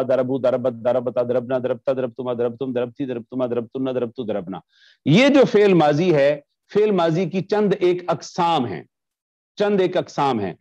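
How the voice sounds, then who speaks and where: A male teacher giving a recorded online lecture on Quran recitation and Arabic, patiently repeating examples and slowly chanting phrases. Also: a little high, a little mellow. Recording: dull lo-fi recording.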